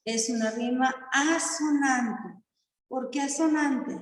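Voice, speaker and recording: A woman teaching a primary school class, her rather high voice moving at an unhurried, deliberate pace. She breaks up her explanations with short checking questions to the children. The classroom is echoey, with a long trailing reverb. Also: slight background noise. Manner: slow, patient explaining with frequent checking questions. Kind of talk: classroom lesson on poetry.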